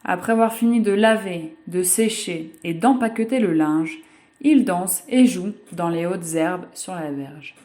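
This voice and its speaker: A woman narrating a children's picture book aloud in an expressive, measured way, as the voice-over for a sign-language reading. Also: on the low side. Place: voice-over for a video.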